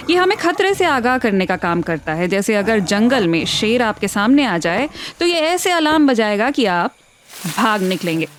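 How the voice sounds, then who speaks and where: Chatty woman explaining health science. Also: on the high side. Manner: chatty and playful, speaking straight to viewers. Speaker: host of a health explainer series.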